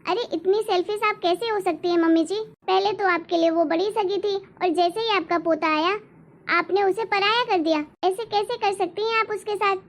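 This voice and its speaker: A woman voicing a caring mother in a family story, soft-spoken and steady. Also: very high voice, moderate pace. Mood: firm. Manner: soft, soothing. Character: gentle loving mother of a young daughter. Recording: dull lo-fi recording.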